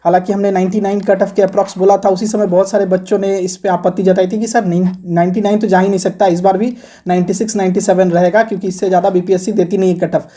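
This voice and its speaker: Man, exam coaching teacher, mellow tone, conversational, steady point-by-point explanation. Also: sits high, fast. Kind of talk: explanatory video lesson.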